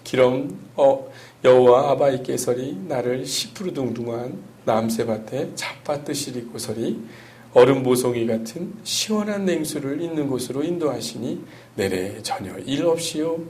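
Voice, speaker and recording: A man's voice: medium pitch, a little hiss or hum, natural voice. A man putting on a rustic Hamgyong-dialect psalm reciter. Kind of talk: comic dialect scripture reading.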